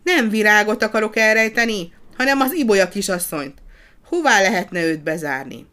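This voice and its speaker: A storyteller voicing an agitated, bossy male gardener who talks excitedly and often shouts. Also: medium pitch, clear, resonant tone, pitched above the performer's own voice. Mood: exasperated.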